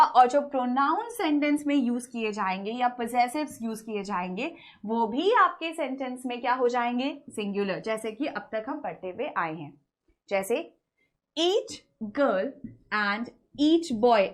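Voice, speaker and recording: In an online lecture, a woman teaches English grammar, explaining in a blend of Hindi and English. She poses questions and answers them herself, slowing down to read example sentences. Her voice is slightly high with lively intonation.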